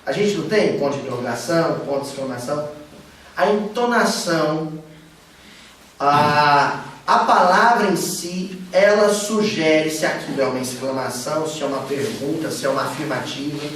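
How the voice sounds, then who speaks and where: Slight background noise and echo mark this distant recording of a man with a little high voice, speaking at a moderate pace. He leads a study group in a spiritist center's study room, teaching informally and animatedly and often asking his listeners questions.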